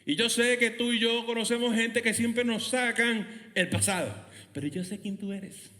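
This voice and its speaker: A man preaching a sermon as pastor, with impassioned delivery that moves between hushed low passages and loud, high outbursts. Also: fairly even intonation, moderate pace. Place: church service in a school building. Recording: reverberant church hall.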